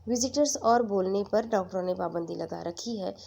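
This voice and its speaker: A worried young brother who begs and pleads, his voice shaking, as a woman storyteller reads him. The tone is husky and gravelly, dark rather than bright. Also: mid-range voice. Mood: pleading. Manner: pleading, voice trembling. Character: young man, anxious, grieving brother.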